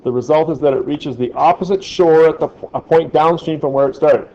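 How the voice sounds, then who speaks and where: A man's voice: a little high, brisk, darkish tone. A male teacher giving a classroom lecture, joking with the class and often checking in with "right?". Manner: jokey, keeps checking in with "right?". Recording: echoey, dull lo-fi classroom recording.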